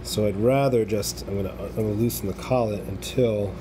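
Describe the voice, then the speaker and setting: A man's voice: fairly low pitch, fairly even intonation, fairly quick. A man hosting a DIY video, casually explaining as he works with tools in his garage workshop, talking half to himself. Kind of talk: casual workshop how-to narration. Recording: noisy workshop recording.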